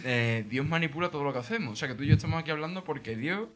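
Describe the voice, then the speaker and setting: A man's voice: a little high, expressive, racing, a bit bright. A man telling a crude comic story, laughing and swearing as he goes. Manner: swears freely, laughs through his own story. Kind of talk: casual comedic storytelling.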